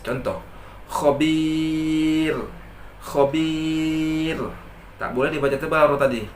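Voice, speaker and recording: A man with an Indonesian accent teaching Quran recitation rules, patiently repeating each example slowly and contrasting wrong and right readings. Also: medium pitch, a bit bright. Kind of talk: tajweed lesson with recited examples. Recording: echoey room with faint noise.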